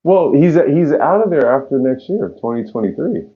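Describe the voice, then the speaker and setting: A man's voice: mid-range voice, sing-song, moderate pace, narrow, tinny audio. A man co-hosting a casual car talk show, blunt and emphatic, swearing casually. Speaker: podcast co-host.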